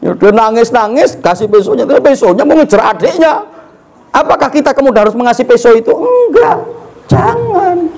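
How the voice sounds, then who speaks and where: A young man delivers a sermon in a high, lively voice. His pitch leaps around as he fires off rhetorical questions and acts out short family exchanges. The whole delivery stays animated and expressive. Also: quick pace, rough recording. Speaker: Islamic preacher.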